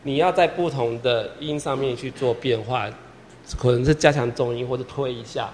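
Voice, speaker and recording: A man's voice: medium pitch, moderate pace. Man coaching a choir in a reverberant hall. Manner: counts singers in and sings lines to demonstrate; patient, encouraging, repeats instructions. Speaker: choir director. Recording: long hall reverb with piano behind. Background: piano accompaniment.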